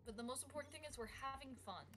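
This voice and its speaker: A woman's voice: high-pitched, very fast, fairly bright tone, soft background music. A woman chatting casually in a gaming voice chat, playful and self-mocking. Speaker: gaming teammate.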